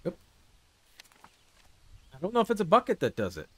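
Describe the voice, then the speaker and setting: A man's voice: sits high, huge pitch swings, moderate pace. A man casually thinking aloud as he plays a survival game, unsure and often muttering to himself. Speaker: gameplay streamer. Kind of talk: casual let's-play commentary.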